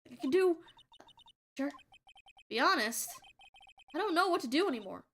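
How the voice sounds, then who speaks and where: A woman's voice: high-pitched, animated, moderate pace, faint music behind. A woman voicing a worried young female assistant who speaks in a fretful, pleading way.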